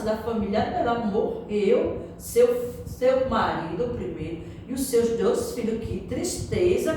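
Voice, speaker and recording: A woman with a Brazilian Portuguese accent, teaching a Bible story to young children in a slow, sing-song way, often turning to the child with drawn-out tag questions. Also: a little high. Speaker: Sunday school teacher. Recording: echoey room, far from mic, faint background noise.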